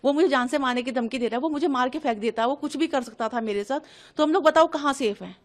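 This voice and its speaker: Woman, high-pitched, agitated, interviewee recounting an incident, acts out the dialogue. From Delhi. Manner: agitated, fast, re-enacting dialogue. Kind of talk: emotional first-person account to a reporter.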